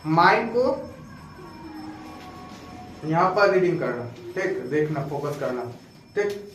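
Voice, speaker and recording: This male math teacher's voice is on the high side, expressive and a bit bright, delivered at a slow pace with faint music behind him. In the classroom he repeatedly asks students questions and keeps checking their understanding in a call-and-response pattern. The room is very echoey and the mic far away.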